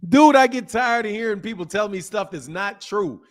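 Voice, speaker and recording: At a normal speed, a boxing channel host in his fifties chats casually on a live stream, reacting to what viewers type. His voice is on the high side for a man; he's energetic, repeats things to stress them, and laughs frequently.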